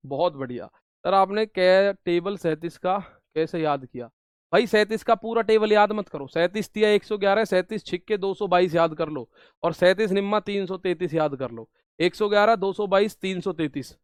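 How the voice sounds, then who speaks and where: A man with a high, smooth voice teaches an exam-prep maths lesson in clean, echo-free studio sound. He repeats every step and coaxes his students along, calling them brother.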